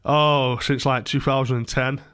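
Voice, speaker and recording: A young British man streaming from his bedroom, chatting with strangers on video chat in a deadpan, teasing way. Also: medium pitch, unhurried, clear, resonant tone. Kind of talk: joking casual chat with strangers.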